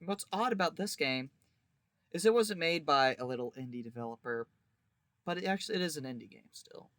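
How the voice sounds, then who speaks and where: Brisk and animated, a video creator gives wry, informal commentary on a visual novel, exaggerating emphatically. His fairly high voice is a bit bright, captured in clean studio sound with no room sound.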